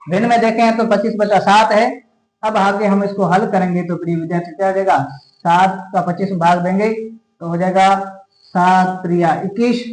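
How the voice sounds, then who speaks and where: Male math teacher, Rajasthani Hindi accent, high voice, keeps checking in with his students, recorded in a roomy, echoey space. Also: level tone, normal speed. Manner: addresses students repeatedly, checks for doubts. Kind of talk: classroom math lesson. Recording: echoey room.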